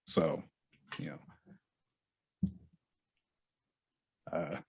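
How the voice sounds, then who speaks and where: A man hosting an interview, speaking casually and haltingly with many fillers. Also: dry recording. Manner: halting, lots of "you know" fillers. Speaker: interview host.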